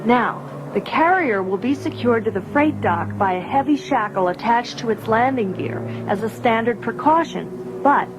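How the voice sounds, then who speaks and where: An actress playing a commanding young rebel princess with an American accent, brisk and businesslike, in an audio drama. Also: female voice, fairly high pitch, lively intonation, noisy background, natural voice. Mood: firm, assured. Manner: businesslike, assured, clearly articulated.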